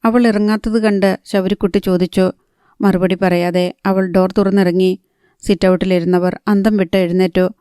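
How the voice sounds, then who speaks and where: A woman narrating a novel in a calm, even storytelling manner. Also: medium pitch, normal speed, smooth, dry recording, studio quality. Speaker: audiobook narrator.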